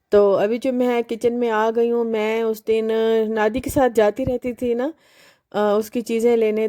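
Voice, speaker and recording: A woman, chatting casually in a home vlog voice-over, unhurried and pausing often. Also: fairly high pitch, warm tone. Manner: chatty, unhurried, with frequent hesitations. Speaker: home cooking vlogger.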